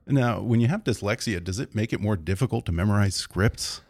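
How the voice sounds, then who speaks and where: A man's voice: fairly low pitch, brisk, darkish tone, no room sound, clean studio sound. A man from Texas, hosting an interview in a casual, chatty way and laughing often. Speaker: talk show host.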